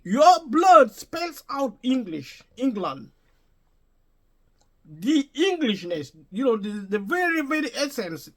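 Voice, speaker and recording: A man with a high-pitched, somewhat bright voice vlogs an unscripted opinion monologue. Emphatic, he addresses viewers directly and keeps restating and rephrasing his points.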